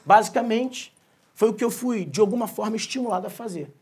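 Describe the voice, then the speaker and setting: A man's voice: sits high, brisk, a little mellow, husky. A Brazilian man giving a comic keynote talk, telling family stories, joking and swearing freely. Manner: jokey, swears freely, acts out family dialogue. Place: conference stage.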